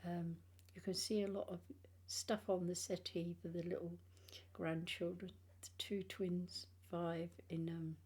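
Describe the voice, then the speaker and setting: Older british lady w missing front teeth, tired n rambling vlog chat, husky and soft-toned. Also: fairly low pitch, flat delivery. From England. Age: 60s or older. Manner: halting, rambling, trailing phrases. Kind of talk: casual personal vlog chat.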